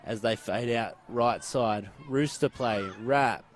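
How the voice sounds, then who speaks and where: An Australian man calls a junior sports match live from an outdoor ground. His voice sits at a middle pitch, and he keeps an upbeat tone as he runs through players' numbers and names. He often hands over to his co-commentator. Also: takes it slowly. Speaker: play-by-play commentator.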